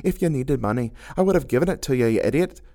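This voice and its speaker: A man's voice: fairly high pitch, expressive, brisk, darkish tone, voice pushed up, lightly acted. A man voicing a furious, betrayed female sea creature who shrieks insults. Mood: vengeful. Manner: shrieking, raging, spitting insults.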